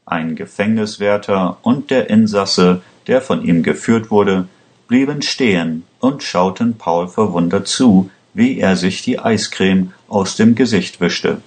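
A man reading a story aloud in a slow, measured way. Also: deep voice, darkish tone. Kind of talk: scripted storybook narration.

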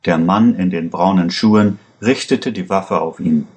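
A man narrating a story aloud in a slow, measured reading. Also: sits low, darkish tone.

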